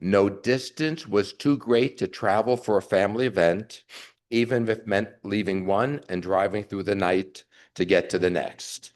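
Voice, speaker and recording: A man in his sixties giving an emotional, wry eulogy for his mother at a funeral service. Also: on the low side. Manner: emotional, wry, measured delivery. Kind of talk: memorial eulogy.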